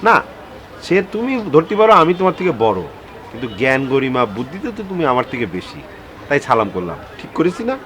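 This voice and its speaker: An actor playing a humble, devoted husband who talks gently. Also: male voice, medium pitch, big pitch swings, quick pace, a crowd in the background, lightly acted. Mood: earnest. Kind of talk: TV drama acting.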